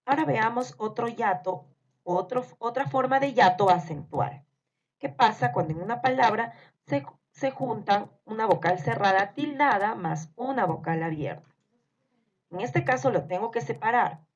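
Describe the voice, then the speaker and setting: A woman teaching a grammar lesson, speaking slowly and deliberately and spelling out syllables one by one. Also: a little high, lively intonation. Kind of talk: scripted grammar lesson narration. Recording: dull lo-fi recording.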